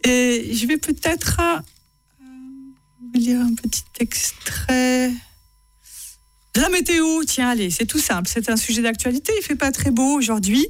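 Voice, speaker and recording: A woman's voice: on the high side, a little slow, long pauses, no echo. A woman author reading excerpts from her own writing to an audience, chatty and self-mocking, often laughing at her own lines.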